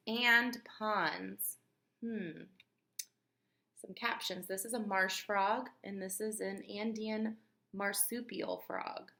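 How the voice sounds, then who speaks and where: Reading aloud to young children, a woman teacher delivers the text expressively and instructively, posing questions to the listener. Her voice sits in the mid range.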